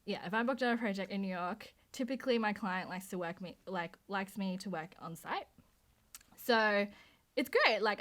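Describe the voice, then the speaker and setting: A motion designer in her thirties, born in Hong Kong and raised in Australia, answers interview questions about her design career. Her mid-range voice has a fairly bright tone, and she's chatty, with frequent fillers and restarts.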